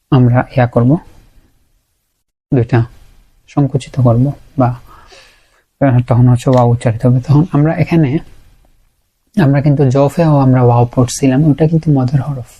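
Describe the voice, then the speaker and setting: A man's voice: mid-range voice, dark tone, slightly rough, muffled recording. A man teaching Quran pronunciation in a lesson, patiently repeating each sound to show it. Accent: Bangladeshi Bengali. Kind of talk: explanatory lesson.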